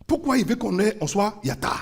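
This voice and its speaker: A man's voice: high-pitched, expressive, fairly quick, husky. A man preaching a sermon as pastor, with fervent call-and-response and rhythmic repeated refrains. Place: church service.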